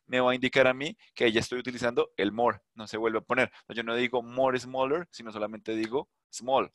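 A man's voice: medium pitch, steady tone, brisk, fairly bright tone, no room sound. Patient male teacher with a dry, close sound. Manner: patient, repeats himself, asks rhetorical questions. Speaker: English teacher. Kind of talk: online class explanation.

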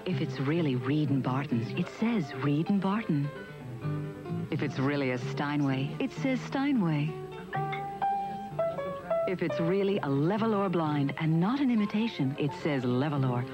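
A woman narrating a commercial in an assured, deliberate way. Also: low-pitched, animated, music in the background. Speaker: commercial voice-over. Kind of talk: polished ad narration. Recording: dull lo-fi ad audio.

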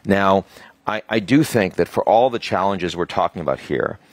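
A man speaking on a panel discussion, passionate and emphatic, pushing his pitch up to stress his points. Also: animated, moderate pace, dry recording. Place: conference venue.

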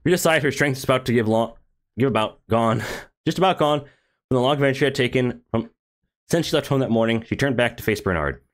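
A man's voice: medium pitch, quick pace. A man who streams games, reading a game story aloud with sarcastic asides.

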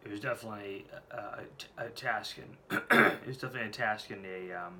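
Brisk and on the low side, with a pushed, bright sound, this late-twenties man's voice carries a head cold and scratchy throat. Filming a casual vlog on a desk camera in a small room at home, he rambles candidly and swears freely.

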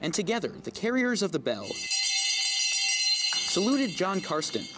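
A man's voice: high-pitched, big pitch swings, a little slow. An American man in his thirties narrating a scripted TV news feature as a reporter. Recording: music bed behind voice.

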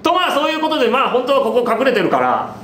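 Speaking fast with huge swings in pitch, a young quiz host teases his contestants and plays at being bossy. The webcast comes from a small, echoey indoor studio with him close to the camera, the sound noisy and low quality, with a crowd audible behind him.

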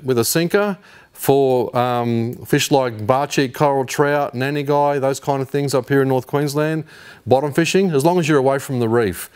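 A man in his fifties with an Australian accent, hosting a fishing tutorial in a garage workshop and explaining each step in a relaxed, slangy way. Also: medium pitch, smooth. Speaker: fishing channel host. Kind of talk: hands-on tutorial. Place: indoor garage workshop with shelves.

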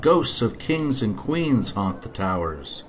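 A father reading a storybook aloud, voicing a deep-voiced, dry, mildly grumpy but kindly male bronze lion. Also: big pitch swings, takes it slowly, fairly bright tone, exaggerated voice. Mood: gruff, dry.

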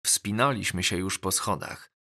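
A man reading a novel aloud as an audiobook, in measured, deliberate first-person narration. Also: low-pitched, pushed and bright.

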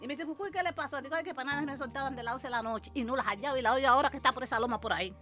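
An older woman, animatedly telling an interviewer her story as a mother and acting out the shouts and quotes in it. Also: sits high, racing, soft background music.

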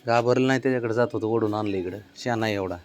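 A man's voice: fairly low pitch, rapid-fire, a little mellow, slight background noise. A man talking casually to his pet cat, coaxing it with short repeated calls.

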